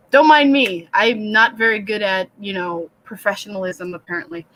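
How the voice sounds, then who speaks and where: A woman hosting a late-night writing livestream from a home computer, chatting in a low, soothing voice, rambling and self-deprecating as she reads out the chat. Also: a little slow, low-quality recording. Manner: speaks low and soft, said to sound soothing. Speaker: livestream host of a writing session. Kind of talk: casual live-stream chat. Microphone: computer webcam mic.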